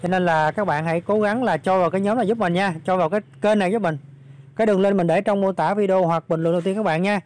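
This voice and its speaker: A slightly hoarse man, talking viewers through updates in a casual, filler-heavy vlog. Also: sits high, fast, a little mellow. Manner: chatty, many fillers, addresses viewers directly. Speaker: crypto channel host. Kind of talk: casual screen walkthrough vlog.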